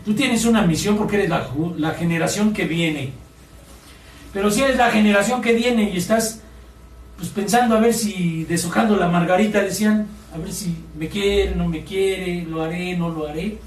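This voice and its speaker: Preaching at a normal speed in a voice that sits high, a male pastor questions his congregation and imitates complainers with a whiny tone. The sound is echoey and distant, with faint ambience.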